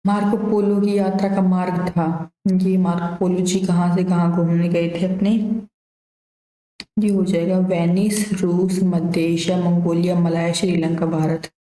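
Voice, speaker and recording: Low-voiced woman teaching with an echo. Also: flat delivery, measured pace, mellow. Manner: casual explanatory, repeats answers with memory tricks. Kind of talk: exam revision lesson.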